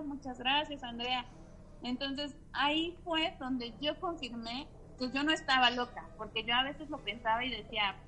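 Woman guest, bright and a little high, chatty storyteller over faint room noise. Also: rough recording. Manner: chatty, many fillers and tag questions. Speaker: guest medium. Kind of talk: casual storytelling.

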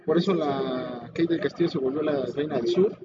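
A man's voice: a little high, normal speed. A Mexican man with a casual, opinionated, foul-mouthed way of ranting in heavy slang. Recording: muffled lo-fi audio, clear vehicle noise.

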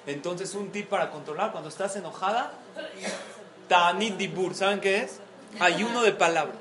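A woman's voice: fairly low pitch, normal speed, a crowd in the background. A middle-aged woman giving a parenting talk to a group of mothers, explaining points and acting out example quotes. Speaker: parenting class speaker.

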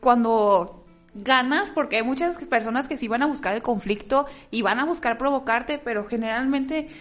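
A reflective woman guest who talks things through slowly in casual conversation. Her voice is on the high side, and she thinks aloud with plenty of fillers. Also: soft background music. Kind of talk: casual chat.

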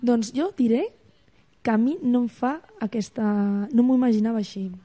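A woman's voice: a little high, normal speed, warm tone. A woman interviewing a guest, asking curious questions and agreeing with short replies. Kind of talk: casual interview.

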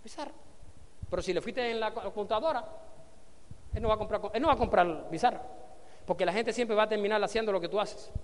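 Fast and high-pitched, this man pauses often as he preaches to a big-sounding room. He's a network marketing trainer at a motivational business seminar, quizzing his audience and having them repeat after him.

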